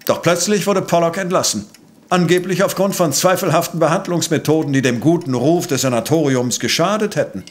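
A man acts an exacting professor and amateur sleuth in an audio drama. His voice is high for a man. He speaks with analytical precision and pompous self-assurance. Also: fairly quick, close to an everyday voice. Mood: analytical, assured. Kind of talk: German audio drama acting.

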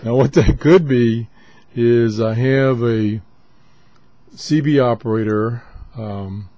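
A man's voice: medium pitch, takes it slowly, dark tone. A man from the United States talking casually and unhurriedly in short phrases to himself as a radio hobbyist host demonstrating his gear. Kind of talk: casual off-the-cuff demonstration commentary. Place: small indoor radio desk. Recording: dull camera audio with clear static noise. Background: shortwave radio static.

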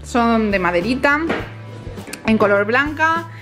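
A woman's voice: fairly high pitch, expressive, takes it slowly, soft background music. A young woman in her twenties giving a chatty, casual tour of her apartment, filmed on a handheld camera. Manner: chatty, addresses viewers directly. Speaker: vlogger giving a house tour. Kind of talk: casual house tour narration. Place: small apartment living room, indoors.

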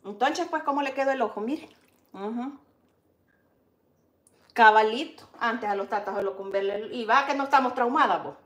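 Her voice fairly high and a bit bright, a Salvadoran woman hosts a casual cooking show, speaking at normal speed but pausing often. She's chatty and teasing, calling out dishes street-vendor style, with dishes clattering in an echoey kitchen.

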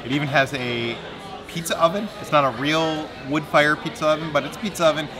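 A man co-hosting a travel vlog, explaining things in a relaxed way with light humor. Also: fairly high pitch, brisk, over music, a crowd in the background. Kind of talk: casual chat and voice-over narration.

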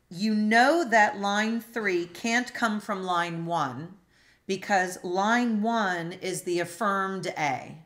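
Slow, low-voiced woman teaching logic. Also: a bit bright. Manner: slow, questioning, with many fillers and restarts. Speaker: philosophy instructor. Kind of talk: online class lecture.

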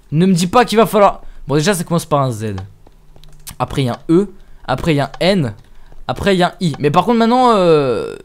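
Playing a game on camera, a young man from France thinks aloud, swears and mocks himself in casual let's-play commentary recorded over a headset mic. This gaming YouTuber's voice is on the high side.

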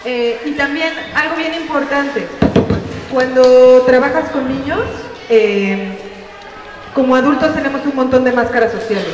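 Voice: sits high, unhurried. A speaker teasing the audience and giving advice to trainee teachers in a joking way. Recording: very echoey hall, distant mic, noise.

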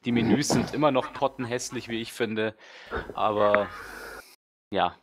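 A man's voice: on the low side, a little slow, heavy background noise. A man, a guest let's player, chatting casually and rambling with lots of fillers and strong opinions. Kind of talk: casual podcast chat.

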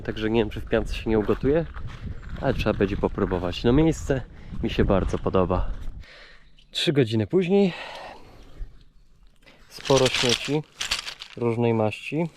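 A man's voice: lowish voice, normal speed, noisy background. Chatty man vlogging outdoors. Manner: chatty, thinking aloud while showing finds. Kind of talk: casual vlog narration.

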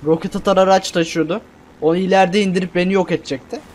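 Excitable young man with a high voice. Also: fast talker. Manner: excitable, self-mocking, repeats words when panicked. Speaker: gameplay streamer. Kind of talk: casual let's-play commentary.

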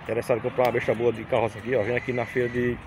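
Speaking very fast in a mid-range voice with little pitch movement, a man with a Northeastern Brazilian accent vlogs his tour of a livestock fair outdoors, his casual commentary full of tag questions. The audio comes from a handheld phone behind the camera, with a busy crowd behind his voice.

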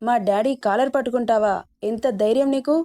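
A woman's voice: a little high, fairly even intonation, a little fast, dark tone, lightly acted. A woman voicing a hot-headed young man who angrily protects his grandmother. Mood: outraged. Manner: angry, protective.

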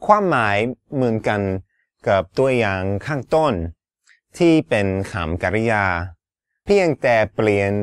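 A man's voice: medium pitch, sing-song, a little slow, no echo, clean studio sound. A man teaching English, explaining words and pronunciation carefully and politely.

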